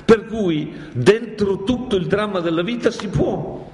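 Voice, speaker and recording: A man giving a lively public talk, lecturing theatrically and with animated drama. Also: high voice, measured pace. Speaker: speaker lecturing on Dante. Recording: echoey hall.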